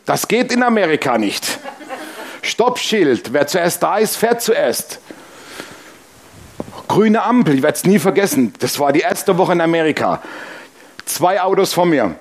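A middle-aged man from Germany preaching a sermon and telling lively personal anecdotes. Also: a little high, unhurried, long pauses, slight background noise. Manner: animated storytelling, mimics honking and quarrels. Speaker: pastor.

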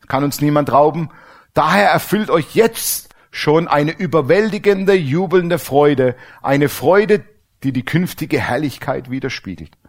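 A middle-aged pastor preaching a sermon, lively, acting out little dialogues. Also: male voice, a little high, a little slow.

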